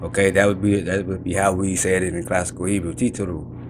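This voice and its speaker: A man's voice: low-pitched, little pitch movement, fast, noisy background. A man in casual commentary, explaining and correcting points step by step and repeating himself as he goes. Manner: explains points over and over, repeats "you know what I'm saying". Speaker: commentator reacting to a teaching clip.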